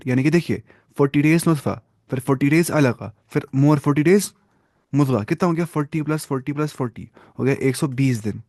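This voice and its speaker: A man's voice: medium pitch, darkish tone, no room sound, studio quality. A man teaching a religious lesson, asking his listeners questions and repeating key terms as he explains them. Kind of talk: classroom lesson on hadith.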